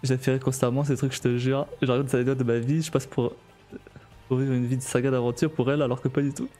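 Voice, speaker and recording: A man chatting casually on a live stream, his voice mellow and dark in tone. He talks haltingly and keeps restarting his sentences, often breaking into laughter. Soft music plays faintly behind him. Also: medium pitch, level tone.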